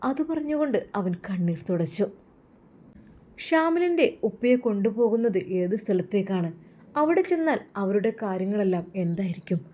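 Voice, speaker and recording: A woman's voice: medium pitch, very animated, moderate pace. A woman with a Malabar Malayalam accent narrating a family story in a dramatic, casual storytelling manner. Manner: dramatic, warm storytelling with religious greetings.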